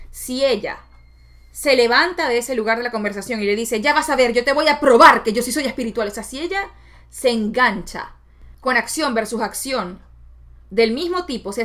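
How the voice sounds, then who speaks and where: A woman speaks in a relaxed, motivational talk. Her voice sits a little high, and she lets it rise and fall when she mimics the voices in her head. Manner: expressive, acts out inner voices with shifts of pitch. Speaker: self-help speaker.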